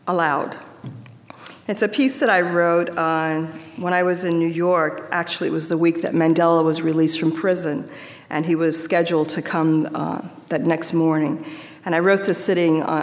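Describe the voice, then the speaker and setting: A woman poet giving a live poetry reading, reciting in a measured, deliberate way. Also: sits low. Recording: long hall reverb.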